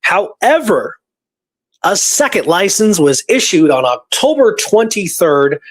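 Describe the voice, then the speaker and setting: Here a man hosts a history talk, his high voice swinging widely in pitch at an unhurried pace. He tells stories casually while presenting research, lingering on dates and records.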